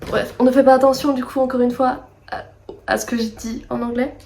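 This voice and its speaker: A woman's voice: high-pitched, flat delivery, brisk, a little mellow. A young woman vlogging a book box unboxing, chatty and rambling with many fillers and asides. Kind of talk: casual unboxing vlog.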